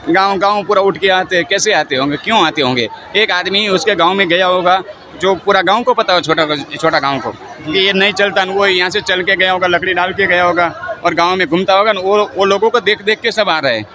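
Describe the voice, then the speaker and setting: A man's voice: high-pitched, fairly quick. A man from Gujarat, a faith healer, answering interview questions in a blunt, rambling, defiant way at an outdoor camp. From Gujarat, India. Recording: noisy outdoor field recording.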